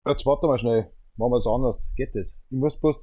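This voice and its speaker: Loud joking man in his thirties. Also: medium pitch, moderate pace, slightly rough, dull audio. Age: 30s. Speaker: gaming livestreamer. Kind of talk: casual phone chat during a livestream. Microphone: earbuds in, calling over the stream mic.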